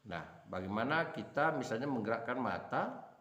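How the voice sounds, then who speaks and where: A man's voice: medium pitch, lively intonation, normal speed, fairly bright tone. A man teaching a class, explaining and demonstrating intonation on single words. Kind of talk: lecture on voice and acting practice. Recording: echoey room.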